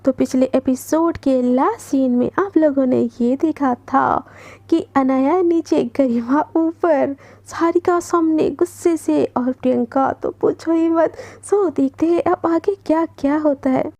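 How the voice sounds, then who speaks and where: A woman storyteller narrating a love story in a casual, animated way, slipping English words into her talk. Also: high-pitched, a little slow. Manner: animated, mixing English into Hindi.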